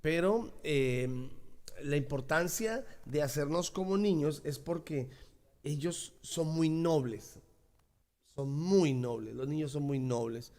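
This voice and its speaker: A man's voice: on the high side, slow pace, mellow. A man preaching a sermon as pastor, emphatic and repeating key phrases.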